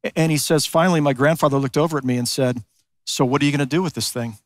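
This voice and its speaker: A man preaches from a church, earnest and deliberate, slowing his words to land each point and posing questions to the congregation. His voice sits a little high for a man. The sound is close and dry. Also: dry recording. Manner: earnest preaching, slows for emphasis, rhetorical questions. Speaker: pastor. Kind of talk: sermon. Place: large church sanctuary.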